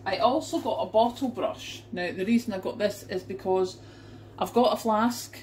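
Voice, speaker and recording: Unpacking her shopping in her home kitchen, a middle-aged UK vlogger chats casually to camera and exclaims over the prices, the camera aimed down at the counter. She speaks at medium pitch and a moderate pace in a slightly mellow voice, on poor audio with a little hiss or hum.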